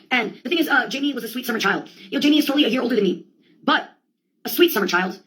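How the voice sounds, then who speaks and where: High-voiced, bright and expressive, a woman rattles off a rambling comic monologue at rapid-fire speed, delivering it theatrically with slang, swearing and quoted outbursts.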